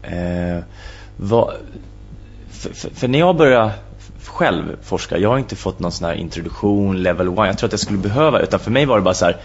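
A man's voice: low-pitched, expressive, husky. A man hosting a podcast in casual interview chat, hesitant and restarting as he steers the conversation. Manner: hesitant, full of fillers and restarts while steering the talk. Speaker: podcast host. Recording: muffled lo-fi with faint hum.

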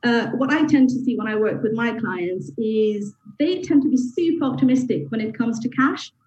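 A woman's voice: a little high, expressive, normal speed, a little mellow, slight background noise. A woman accountant on a panel, explaining her points in order over a video call. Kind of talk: panel discussion. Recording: dull roomy video call audio from far.

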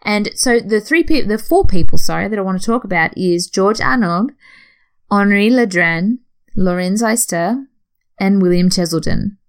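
A woman's voice: mid-range voice, normal speed, clear, resonant tone. A woman hosting an educational talk, explaining in a conversational way and sometimes correcting herself. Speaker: podcast host.

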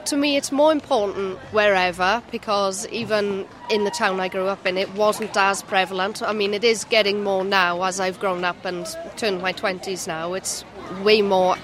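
A woman's voice: mid-range voice, fairly even intonation, normal speed, few pauses, background noise. A woman in her twenties with a South Wales Valleys accent, chatting casually in an interview. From Merthyr Tydfil, south Wales. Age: 20s. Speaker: Pride attendee being interviewed. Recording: outdoor event with music behind. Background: music at an outdoor event.

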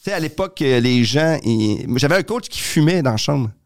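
A middle-aged man with a Québécois accent spins self-mocking stories as a comedian guest. His voice sits at an ordinary male pitch and he talks casually. The recording is dry and close, with no room sound. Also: animated, normal speed, no echo. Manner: storytelling, joking, self-mocking. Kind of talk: casual chat.

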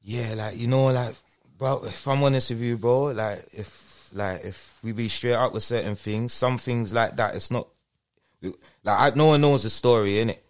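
A man's voice: medium pitch, normal speed. A man with a London roadman accent answering interview questions in casual street slang, often checking that he is being followed. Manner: repeats checking tag phrases. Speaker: interview guest.

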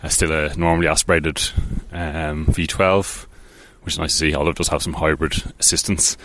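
A man with a very deep, low voice chats loosely through a solo podcast. He wanders and hesitates, filling gaps with ums and false starts, and often makes light of himself. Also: little pitch movement, a little fast, fairly bright tone. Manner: rambling, hesitant, many ums and restarts; offhand and self-deprecating. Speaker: podcast host. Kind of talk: casual solo podcast about cars.

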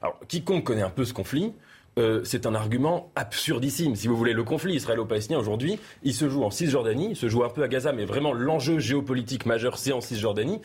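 A man of middle pitch with a husky voice lays out a long argument on a television panel. His manner is measured and essayistic, stacking one clause on the next. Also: lively intonation, a little mellow. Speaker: panel guest. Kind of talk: TV debate argument.

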